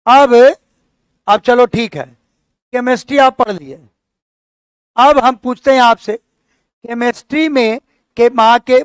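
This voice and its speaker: A man with a very high, smooth voice teaching a class. He explains each point patiently and keeps checking with his students. The sound is dry and close. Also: no room sound. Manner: explanatory, asks students questions. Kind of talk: classroom lecture.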